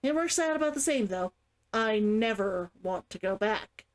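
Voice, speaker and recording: A woman's voice: mid-range voice, expressive, moderate pace, natural voice. Woman reading as a guarded, weary runaway man. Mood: bitter, weary.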